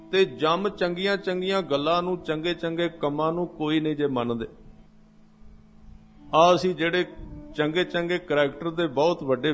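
A man preaching a scripture sermon to a congregation, explaining hymn lines one by one and chanting the verses slowly. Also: on the high side. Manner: addresses a congregation directly. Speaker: Sikh preacher.

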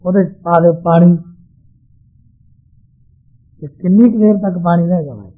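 A man preaching a sermon, explaining scripture verses to a congregation in a slow, measured teaching manner. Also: sits high. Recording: tinny, phone-like sound.

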